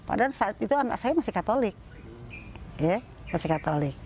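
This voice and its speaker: In a relaxed, chatty interview, a middle-aged woman tells her own story, full of fillers and restarts, imitating the voices of people she quotes. She speaks briskly in a mid-range voice, with faint background noise and birdsong behind her.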